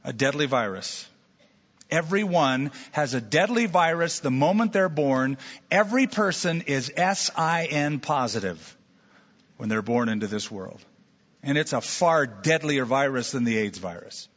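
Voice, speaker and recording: A male pastor delivers a sermon in a storytelling way, slipping into imagined voices as he goes. His voice sits a little high and has a husky edge. The recording is dull and lo-fi, with a long reverberant tail from a large hall. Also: lively intonation, measured pace, fairly bright tone.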